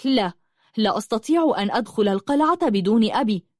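A woman's voice: a little high, big pitch swings, fairly quick, darkish tone, no room sound, clean studio sound, voice pushed up. A woman voicing a timid young girl in a storybook who speaks nervously. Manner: nervous, refusing.

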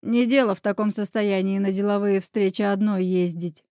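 A woman voicing a shy, apologetic young male neighbor in an audiobook, soft-spoken and embarrassed. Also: medium pitch, fairly even intonation, moderate pace, dry recording, clean studio sound, lightly acted. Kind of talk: audiobook character voice.

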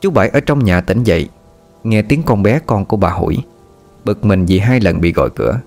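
A man narrating a ghost story in a steady, somber way. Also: fairly low pitch, brisk. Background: rain and soft music.

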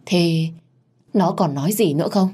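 A woman's voice: lowish voice, moderate pace, dark tone, husky. A woman doing a stammering, terrified guilty woman. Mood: nervous. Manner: stammering, panicky shrieks. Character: frightened guilty scheming woman, middle-aged.

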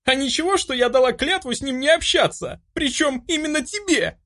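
A man voicing a young noblewoman in an audiobook, distraught, shrill and near sobbing. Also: lively intonation, fairly quick, bright, forceful tone, full character voice. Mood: furious. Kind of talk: audiobook character voice.

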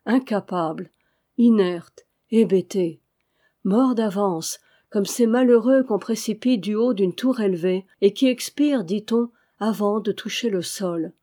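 A woman narrating a classic adventure novel aloud in a measured, expressive way. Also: mid-range voice. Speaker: audiobook reader.

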